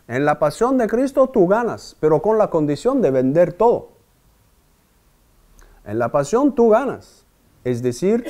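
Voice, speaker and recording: A man's voice: on the high side, a little mellow. A man preaching a meditation talk, asking his audience questions and speaking emphatically.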